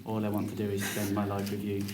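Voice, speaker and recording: A man's voice: on the low side, completely flat delivery, quick pace. A man with a Scottish accent reading his own wedding vows, earnest with bashful laughs. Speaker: groom renewing vows. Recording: background noise.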